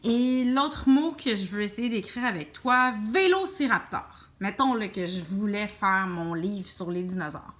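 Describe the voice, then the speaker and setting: A woman teacher with a Québécois French accent, slowly talking children through a writing lesson and stretching out each syllable. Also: medium pitch, slight background noise. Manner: slow, stretched-out sounding of syllables.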